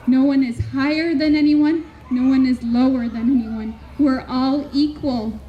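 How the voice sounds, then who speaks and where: High-voiced woman, slow earnest speech. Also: fairly even intonation. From Canada. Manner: slow, earnest, with measured pauses between phrases. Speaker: speaker at a community memorial gathering. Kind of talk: heartfelt public address. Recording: dull lo-fi recording with faint background noise.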